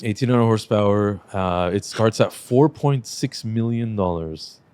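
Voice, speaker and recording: A man hosting a car podcast in casual chat, relaxed and swearing freely, laughing often. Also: on the low side, a little slow, smooth, dry recording. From Lebanese Armenian family. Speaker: podcast host.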